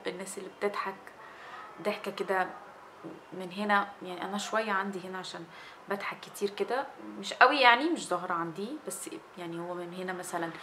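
A woman's voice: mid-range voice, a bit bright, a little hiss or hum. A young woman in her twenties with an Egyptian Arabic accent, chatting casually in a skincare product review and gesturing with her hands as she talks. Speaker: beauty vlogger. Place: small indoor room with fairy lights.

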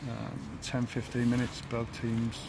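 Middle-aged English man, football manager, flat monotone, halting speech, outdoor noise, close camera mic. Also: medium pitch, gravelly. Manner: halting, many fillers and restarts, monotone. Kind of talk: post-match interview. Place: outdoors beside a football pitch. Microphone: handheld camera at close range.

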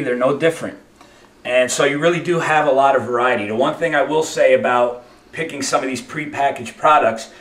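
A man's voice: mid-range voice, a bit bright, echoey room. A man presenting as a personal trainer in a supermarket aisle, emphatic and coaxing as he gives shopping rules. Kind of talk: instructional presenting.

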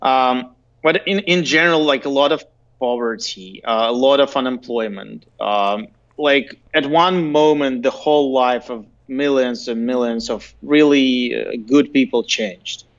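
A man in his thirties with a Belarusian accent, telling stories casually and haltingly as an interview guest. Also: medium pitch. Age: 30s. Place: indoor room, video call. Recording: dull lo-fi video-call audio.

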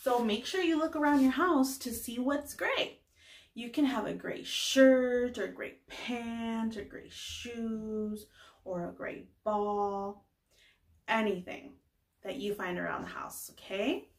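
A young woman preschool teacher, her voice on the high side, gives a slow lesson and read-aloud greeting to small children in deliberate short phrases with pauses. She's filmed in a small classroom-style room with a bulletin board, the camera a few steps away giving a distant, roomy echo.

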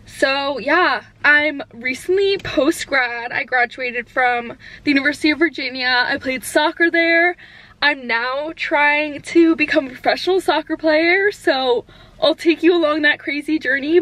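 Young woman vlogger, high voice, jittery chatty first-timer, camera held in hand in her car. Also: sharp tone. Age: 20s. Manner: nervous, giggly, rambling with many likes. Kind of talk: casual vlog chat.

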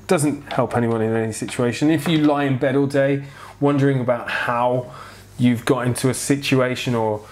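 A vlogger in his thirties answers viewer questions from his home kitchen, speaking casually, frankly and in a rambling way. His medium-pitched voice is wheezy, breathless and slightly mellow, as if he's a little unwell, with fairly even intonation and a moderate pace. The informal clip is recorded on a clip-on lapel mic and carries a faint hiss or hum.

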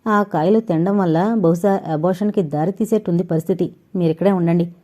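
A caring, practical young woman, read by a woman narrator, speaking gently in a mellow, relaxed voice. She is a character in a storybook audio novel. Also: on the low side, brisk, natural voice. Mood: concerned. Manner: gentle, urgent when needed.

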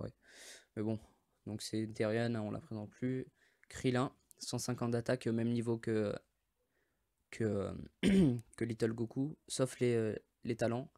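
Rambling French man with a flat voice. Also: mid-range voice. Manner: rambling, hesitant, often forgets names. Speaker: mobile game video host. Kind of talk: casual game commentary.

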